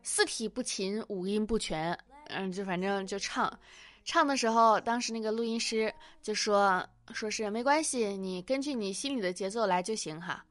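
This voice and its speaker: A woman's voice: mid-range voice, moderate pace, dry recording. A woman in her late twenties hosting a casual home podcast, chatty and self-mocking, often giggling as she tells stories. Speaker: podcast host. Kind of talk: casual personal radio chat.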